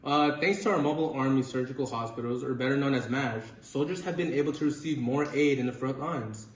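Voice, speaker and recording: A man's voice: mid-range voice, a little fast, far from the mic, lightly acted. A man playing a formal 1940s medical professor, giving careful scripted answers in a news interview. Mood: formal, sincere. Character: grateful, formal male 1940s army doctor and professor. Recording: echoey, off-mic room with faint noise.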